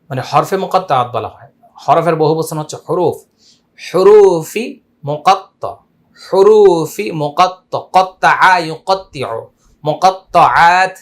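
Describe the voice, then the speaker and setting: A middle-aged man with a Bangladeshi Bengali accent teaching a Quran reading class, spelling out letters slowly and patiently. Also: on the high side, a bit bright. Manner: patient, repeats and spells out letters slowly, melodic chanting in recitation. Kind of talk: Quran spelling lesson with chanted recitation.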